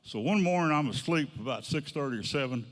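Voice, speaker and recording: A man's voice: on the high side, expressive, fast talker. A man telling a long folksy anecdote to an audience, linking his lines with "he goes" and "I said.". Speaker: guest speaker. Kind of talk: anecdotal storytelling talk. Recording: long hall reverb.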